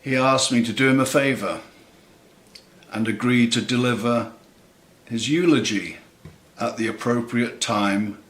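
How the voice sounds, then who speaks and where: A man in his seventies giving a scripted eulogy in a measured, wry, tongue-in-cheek way with deliberate pauses. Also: medium pitch, fairly bright tone. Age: 70s. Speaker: eulogist, lifelong friend of the deceased. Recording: roomy, echoing sound.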